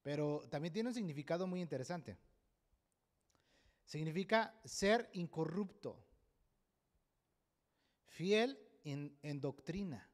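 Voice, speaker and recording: High-voiced pastor preaching. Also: male voice, expressive, takes it slowly, long pauses. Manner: emphatic, often checks in with listeners with a questioning "right?". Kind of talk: sermon. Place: church service.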